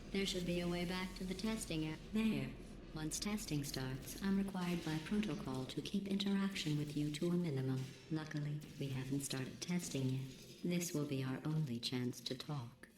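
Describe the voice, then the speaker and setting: A deadpan robotic lab AI. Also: female voice, deep voice. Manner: deadpan, passive-aggressive, insulting in a calm even tone. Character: cold sarcastic female computer overseer of a test lab. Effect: robotic processed voice. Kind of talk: video game dialogue. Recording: echoey game audio with steady hum.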